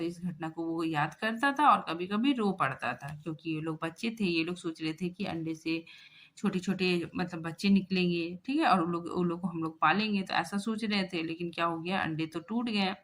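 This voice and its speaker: A woman's voice: lowish voice, moderate pace, fairly bright tone. A young woman teacher patiently explaining a school lesson, repeating herself and checking in with listeners often.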